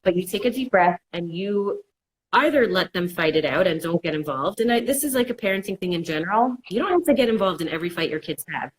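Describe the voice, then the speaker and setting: This counselor speaks fast and expressively in a low-leaning voice, though the audio is poor. She gives relaxed, comforting advice, saying "it's okay" again and again. She also plays out worried inner voices as quotes.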